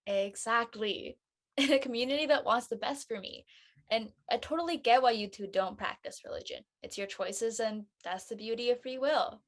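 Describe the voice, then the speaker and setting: Here a woman's slightly high, natural voice moves at normal speed as she voices a drama character. She plays a preachy friend, an earnest churchgoing teen who talks in casual slang and explains things.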